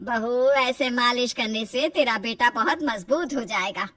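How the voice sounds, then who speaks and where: Bossy old-school mother-in-law from a story, loud and dismissive, bright voice, woman doing her. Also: a little high, a little slow, slight background noise. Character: stubborn old-fashioned mother-in-law, scolding.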